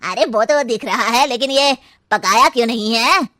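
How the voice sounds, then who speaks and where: A blunt family elder, played by a woman, insistent and challenging in a comic domestic audio story. The voice is fairly high, in a dry recording. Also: moderate pace, bright, forceful tone, no echo. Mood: puzzled, indignant.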